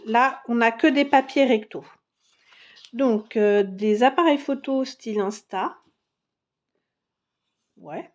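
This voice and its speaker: Woman craft vlogger, slightly high voice, unhurried casual show-and-tell. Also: a little mellow. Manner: chatty, many fillers and pauses while browsing papers. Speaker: craft vlogger showing a haul.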